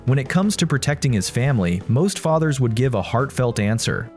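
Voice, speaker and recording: A man's voice: medium pitch, big pitch swings, a little fast, over music. A man narrating a video from a script, linking one story to the next.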